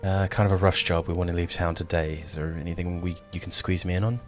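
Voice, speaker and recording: A man's voice: low-pitched, flat delivery, quick pace. A man playing a tabletop role-playing game, chatting casually and speaking for his character, with music underneath.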